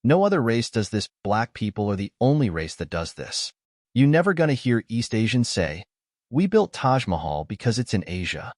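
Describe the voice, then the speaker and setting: A man's voice: mid-range voice, big pitch swings, moderate pace, no echo, studio quality. A man from North Africa narrating an argumentative commentary video, scornful and lecturing.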